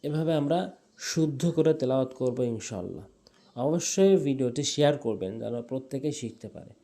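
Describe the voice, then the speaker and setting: A man teaching correct Quran recitation, explaining mistakes plainly and then chanting the verses slowly and drawn out. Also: mid-range voice, lively intonation, dark tone. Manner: repeats right and wrong pronunciations patiently.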